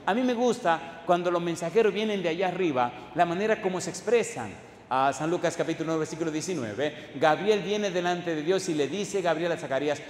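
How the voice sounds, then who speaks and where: A fairly high-voiced male pastor preaching a sermon in a church. He keeps throwing repeated yes-or-no questions at the congregation and builds to loud declarations. His voice rings through a large, echoey hall over faint background noise. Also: animated, a little fast. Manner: repetitive call-and-response questions to the congregation.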